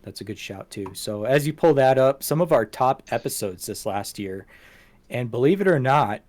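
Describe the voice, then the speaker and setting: Going over his show's numbers in casual podcast chat, a man rambles and makes self-deprecating jokes. His mid-range voice is expressive and a bit mellow, with a moderate pace.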